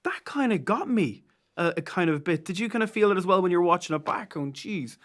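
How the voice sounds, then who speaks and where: A man's voice: high-pitched, expressive, fast talker. An Irish man hosting a casual interview, gushing with enthusiasm to his guest.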